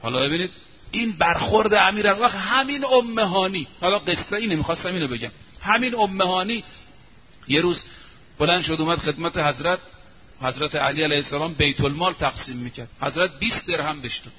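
A man preaching a sermon, telling a story emphatically and drawing out quoted phrases slowly. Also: a little high, animated. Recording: muffled lo-fi recording, faint hiss.

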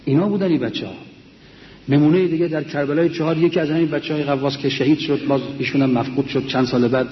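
A man's voice: fairly high pitch, fairly even intonation, a little hiss or hum. Older man telling war memories, echoey hall. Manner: earnest storytelling, quoting comrades. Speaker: war veteran speaker. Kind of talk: memoir talk to a mosque audience. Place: large mosque hall. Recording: echoey, dull lo-fi hall recording.

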